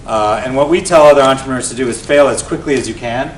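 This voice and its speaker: His voice is medium-pitched and quick as this forties-aged venture investor shares how he became a founder with an event audience. He's energetic and chatty, checking in with "right?", heard through a distant, roomy mic with slight background noise.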